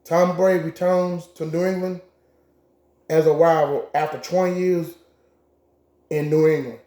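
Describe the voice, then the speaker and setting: Mellow, higher-voiced man in an echoey room. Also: fairly even intonation, unhurried. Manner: blunt, profane trash talk. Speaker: co-host making game picks. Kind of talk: casual sports chat.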